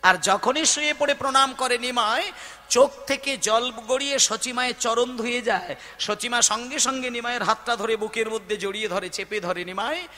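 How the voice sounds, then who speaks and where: A man gives a dramatic devotional sermon and tells the story with sharp swings between loud, high outbursts and hushed lines. His voice sits high and bright. It rings through a reverberant hall with faint music underneath. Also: moderate pace. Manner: dramatic, acts out characters' speech with big swings in pitch and loudness. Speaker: kirtan singer and preacher.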